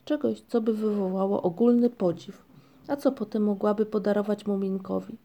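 Woman narrator reading a storybook, gentle and even; gravelly, mellow tone. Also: medium pitch, normal speed, slight background noise.

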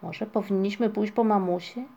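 A woman voicing an eager, excitable young male moomin troll in a storybook reading, with exclaiming delivery. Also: medium pitch, normal speed, gravelly, muffled recording. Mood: excited.

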